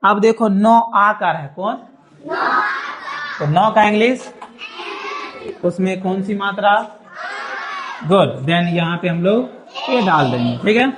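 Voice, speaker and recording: A man's voice: high-pitched, background noise. Man teaching a class, patient and repetitive. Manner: patient, repeats checks like "thik hai?". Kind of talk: classroom lesson. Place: small classroom.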